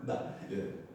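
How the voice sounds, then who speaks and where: A man preaching a sermon as pastor, lively and playful, often laughing and calling out to the congregation. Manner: animated, shouts acted crowd cries, laughs often. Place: church sanctuary. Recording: loud echo, from far off, faint rumble.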